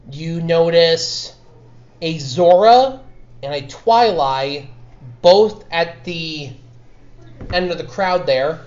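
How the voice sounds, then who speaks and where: A game master narrating a tabletop game in a loose, laughing way, slipping into quick voices for characters. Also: medium pitch, a little mellow. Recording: dull lo-fi sound.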